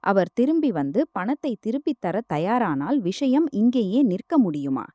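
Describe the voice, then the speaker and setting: A woman narrator voicing a guilt-ridden older mother who speaks quietly and shakily. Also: medium pitch, big pitch swings, moderate pace, no echo, lightly acted. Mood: pleading. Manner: quiet, trembling.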